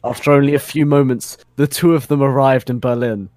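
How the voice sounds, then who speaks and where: Narrating a comedy fan fiction reading in clean studio sound with no echo, a young adult man keeps dissolving into giggles, shifting from dramatic narration to amused banter. His mid-range voice is steady and darkish, and he speaks fairly quickly.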